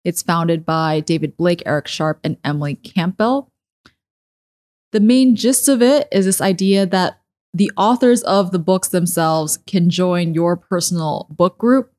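Low-voiced woman podcast co-host. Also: unhurried, darkish tone. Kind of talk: casual chat. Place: kitchen table in a living room.

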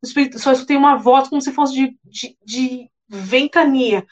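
A young woman with a high, bright voice tells an emotional testimony from the pulpit, earnest and animated, repeating phrases for weight. The recording is dull and lo-fi. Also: moderate pace. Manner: animated, earnest storytelling with repetitions. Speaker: preacher giving a testimony. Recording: dull lo-fi sound.

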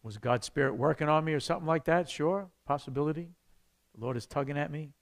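Animated New pastor teaching a class. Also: male voice, a little high, fast talker. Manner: conversational, animated with sudden loud bursts.

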